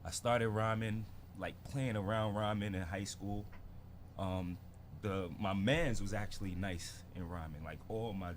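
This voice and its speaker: A man's voice: lowish voice, steady tone, a little slow, a little hiss or hum. A man from Barbados in his thirties, a rapper telling his story in a laid-back casual interview full of slang. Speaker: guest rapper.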